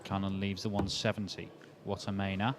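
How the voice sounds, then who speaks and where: A man giving live darts commentary in a measured, analytical way as play unfolds. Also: low-pitched, flat delivery. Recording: clearly noisy background with clicks.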